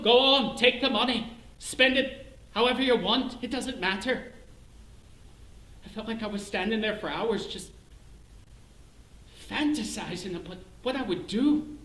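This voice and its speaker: An actor playing a bitter middle-aged clerk with a Northern Irish accent in a theatrical monologue, swinging between hushed self-loathing and shouted rage. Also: male voice, sits high. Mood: bitter brooding. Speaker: stage actor in a one-man show. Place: performance space, live stream. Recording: roomy echo.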